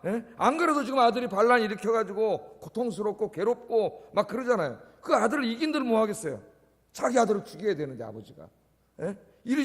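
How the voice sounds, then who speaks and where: This is a man's sermon at a church service, spoken in a high register with a fairly bright tone. His style is conversational, punctuated by short questions to the congregation, and the hall around him is echoey.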